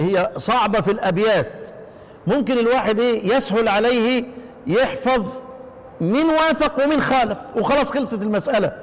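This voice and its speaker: A man with an Egyptian accent teaching the readings of a recitation poem. He keeps quizzing his listeners with repeated questions and chants the verses slowly. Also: sits high, long reverb tail. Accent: Egyptian Arabic. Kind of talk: explaining a recitation poem to students.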